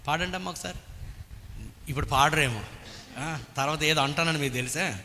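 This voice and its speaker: A pastor preaching a sermon, asking the congregation rhetorical questions and half-singing hymn lines. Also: male voice, on the high side, brisk, pushed and bright, a little hiss or hum. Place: church hall. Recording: reverberant church hall.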